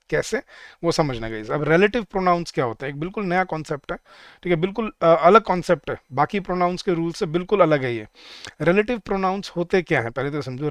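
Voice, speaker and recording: A man's voice: a little high, no echo. Male teacher in a dry, close sound. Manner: explains patiently, slows way down for example sentences; talks to viewers directly, often says "guys". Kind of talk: online exam-prep English lesson.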